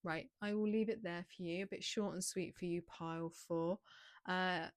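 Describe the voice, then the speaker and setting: A woman doing a pick-a-card tarot reading for viewers, speaking in gentle, repetitive affirmations with many filler words. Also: fairly low pitch, fairly even intonation, normal speed, no room sound, studio quality.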